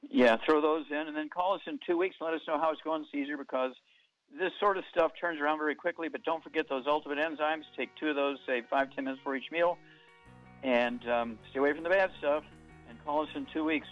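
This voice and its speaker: A man hosting a call-in health radio show, firing quick yes-no questions at callers and giving folksy analogies, taped off the radio. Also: fairly high pitch, faint music behind. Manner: quizzes callers, many "okay"s, folksy analogies. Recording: dull radio broadcast taped off air.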